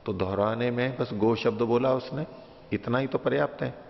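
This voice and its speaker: A male teacher with a mid-range voice and some vocal fry patiently explains a philosophical text to a class at a normal speed. He takes each point in turn and repeats it with simple examples. The recording is muffled, with long hall reverb.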